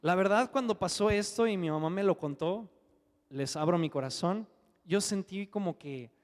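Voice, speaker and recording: A man's voice: high-pitched, moderate pace. A man preaching a sermon and telling a personal testimony in an earnest, conversational way, often adding tag questions. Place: church hall. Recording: long church hall reverb.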